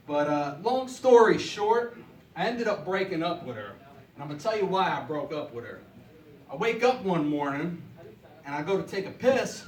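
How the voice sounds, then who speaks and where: Profane male stand-up comic from New Jersey with a high voice, working a small club and caught on a distant mic. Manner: crude, profane storytelling. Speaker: stand-up comedian. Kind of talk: stand-up routine. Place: small club or coffeehouse stage. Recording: echoey room, mic heard from a distance.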